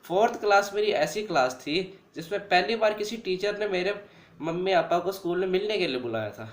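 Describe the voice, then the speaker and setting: A man's voice: sits high, expressive, a little fast, a little hiss or hum. A young man in his late teens telling school stories in a casual, chatty way, often calling listeners "bhai". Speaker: vlogger. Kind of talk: casual storytelling. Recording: roomy echo.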